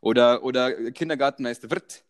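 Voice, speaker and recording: A man's voice: medium pitch, moderate pace. A young man co-hosting a podcast in casual chat, telling stories animatedly and laughing often. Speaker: podcast co-host.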